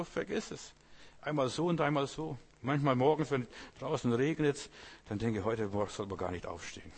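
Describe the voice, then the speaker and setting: A male pastor preaches with a slightly husky, breathy voice. He drives his points home by repeating phrases and keeps turning to the listener with rhetorical questions. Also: mid-range voice. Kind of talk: sermon.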